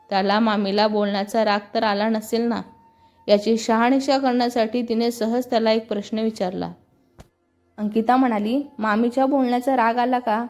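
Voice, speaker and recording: A woman's voice: fairly high pitch, a little mellow. A woman reading a story aloud as scripted narration, speaking all the characters' lines in her own voice.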